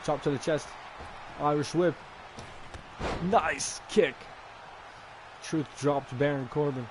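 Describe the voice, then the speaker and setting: A man giving relaxed play-by-play commentary on a wrestling video game he is playing, with fillers. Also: a little high, moderate pace, noisy background. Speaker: gaming video creator. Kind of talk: casual let's-play commentary.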